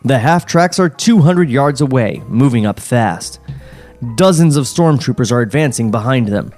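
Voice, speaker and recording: Reading aloud a screenplay's stage directions for a table read, a podcast host stays dry and wry, chuckling and dropping sarcastic asides. His medium-pitched voice has lively intonation and a darkish tone at a normal speed. Soft music plays in the background of the studio podcast mic recording.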